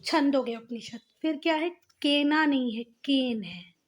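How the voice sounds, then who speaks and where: A woman's voice: high-pitched, animated, moderate pace, slightly rough. A woman teacher giving a lesson in a casual, repetitive style, calling her pupils "beta" and making them say each term again. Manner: talks to pupils as "beta" and "bhaiya", repeats and drills words. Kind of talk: classroom lesson with board writing.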